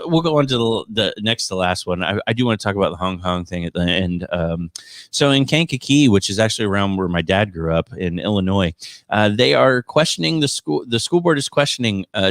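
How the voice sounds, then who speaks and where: A man's voice: medium pitch, no echo, clean studio sound. A man giving casual live commentary on education news as a podcast host, in an exasperated, sarcastic way. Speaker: teacher hosting a podcast.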